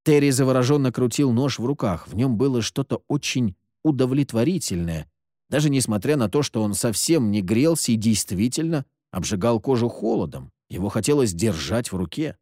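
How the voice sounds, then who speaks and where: Expressive male storyteller, dry sound. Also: medium pitch, normal speed, no echo. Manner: expressive reading with lively intonation. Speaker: narrator. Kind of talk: audiobook storytelling.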